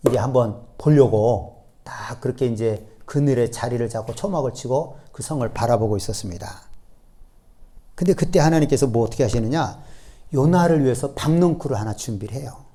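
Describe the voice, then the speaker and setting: A man preaching a sermon as pastor, telling the story lively and acting out the speakers, often turning to the congregation with short questions. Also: medium pitch. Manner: acts out biblical speech in raised voice.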